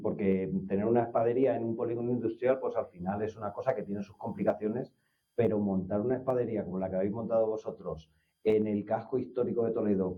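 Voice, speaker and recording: A male host speaks to his audience with colloquial enthusiasm, full of admiration for his guest. His voice sits fairly low. The sound is thin and tinny, like a phone line. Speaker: interviewer host. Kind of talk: conversational interview.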